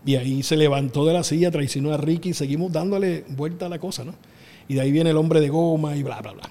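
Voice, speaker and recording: A middle-aged man with a Puerto Rican accent, telling lively stories as a wrestling booker in an interview, acting out voices and laughing often. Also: on the high side, fast talker. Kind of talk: animated storytelling interview. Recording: long reverb in the room.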